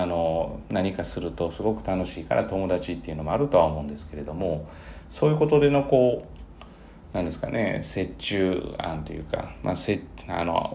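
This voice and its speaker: A man with a very low, gravelly voice talks loosely through his thoughts on his own podcast, circling back often with fillers and self-corrections. A faint hiss of noise sits under the recording. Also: a little mellow. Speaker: cram school teacher, podcast host. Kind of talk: relaxed solo podcast monologue.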